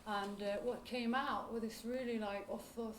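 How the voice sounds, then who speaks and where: In a lecture hall, a woman with an Israeli accent, Hebrew her native tongue, responds to audience questions reflectively, pausing to find words. Her voice is slightly high, fairly even, at a moderate pace, captured by a far-off mic in a roomy space with background noise.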